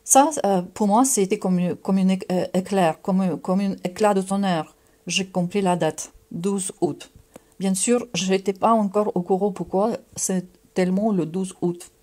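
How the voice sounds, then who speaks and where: A middle-aged Ukrainian-accented woman tells her religious testimony with a mellow, soft-edged tone. She speaks earnestly but haltingly, pausing on fillers and restarting her phrases. Her pitch sits at an ordinary middle height. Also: fairly even intonation. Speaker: believer giving testimony.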